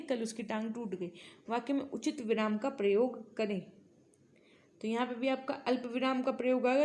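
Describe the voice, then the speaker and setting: Woman teacher running a quiz, slightly high. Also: a little mellow. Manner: quizzing, then explaining answers patiently; mixes English phrases into explanations. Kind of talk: exam-prep quiz lesson.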